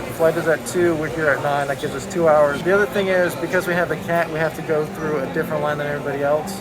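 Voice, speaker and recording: A man narrating a casual travel vlog, talking to viewers as he goes. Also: on the high side. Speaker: travel vlogger. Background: music.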